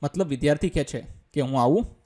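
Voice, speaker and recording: Here a male teacher with a Gujarati accent and a softly mellow, slightly high voice reads English text, then explains it in simple words. He moves quickly, keeping things colloquial and step by step while asking himself questions and supplying the answers.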